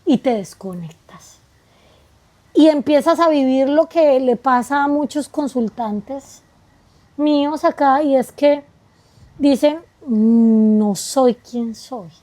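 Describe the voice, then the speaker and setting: A warm, high-pitched voice belongs to a Colombian woman speaking as a guest. In this reflective conversation she sounds spiritual and contemplative, adding quick asides and rhetorical questions to what she says.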